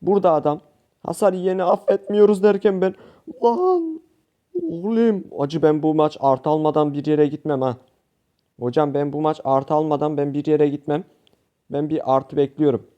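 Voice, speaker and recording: Excitable young man commenting gameplay. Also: a little high, normal speed, smooth, muffled recording. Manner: animated, shouting at teammates, addresses viewers constantly. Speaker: gaming youtuber.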